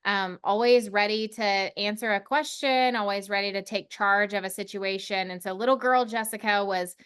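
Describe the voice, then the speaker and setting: A woman's voice: mid-range voice, steady tone, moderate pace, fairly bright tone, clean tone. A woman in her forties from Oklahoma, a podcast guest talking confidently and articulately about leadership in a casual interview. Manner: confident and articulate, self-deprecating. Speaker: podcast guest, CEO of a consulting firm.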